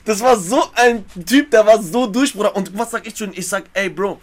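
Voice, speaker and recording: A man's voice: high voice, a little fast. A man with an urban German multiethnolect accent telling stories in slangy casual speech, acting out dialogue and repeating phrases. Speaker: guest telling prison stories. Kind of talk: animated casual storytelling.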